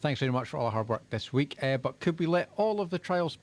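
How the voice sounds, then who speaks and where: A man on live local radio who talks quickly and gets straight to the point, handling listener messages and song choices. His voice sits at an ordinary middle pitch. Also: animated. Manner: practical, matter-of-fact. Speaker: radio studio co-presenter.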